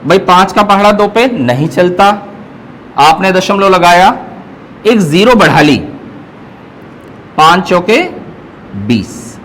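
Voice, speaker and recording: Male teacher, online class, high voice, unhurried, patient explainer. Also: lively intonation, fairly bright tone, rough recording. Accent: Hindi, North Indian. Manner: slow, patient explaining, often checks in with students. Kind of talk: online math lesson.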